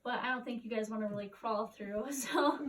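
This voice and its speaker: Cave guide, woman, high voice, informal explanatory delivery, distant mic inside a cave. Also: a little fast, noisy background. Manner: casual, frequent "like" and "kind of". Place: inside a cave, speaking to group.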